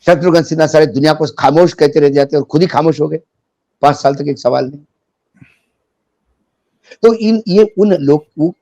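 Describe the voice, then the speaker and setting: A man's voice: fairly high pitch, dark tone, dry recording. A man discussing politics as a guest, biting and sarcastic, mixing in jokes and anecdotes.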